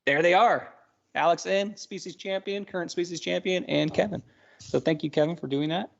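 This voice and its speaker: A man's voice: sits high, vocal fry. A man co-hosting a live fishing talk show, chatty and instructive, his voice a little worn. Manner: chatty, instructive, quick asides. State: losing his voice. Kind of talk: casual live-stream chat. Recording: dull lo-fi stream audio.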